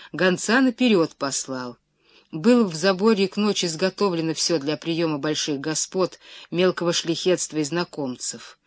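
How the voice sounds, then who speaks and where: A woman narrating a classic novel in a measured, expressive storytelling manner. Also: lowish voice, dry recording. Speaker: audiobook narrator. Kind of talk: scripted literary narration.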